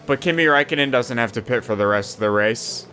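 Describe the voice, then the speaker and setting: A young man casually commentating his own racing game session, swearing often and rambling between excited yelps. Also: mid-range voice, quick pace, a little hiss or hum. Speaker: gaming YouTuber.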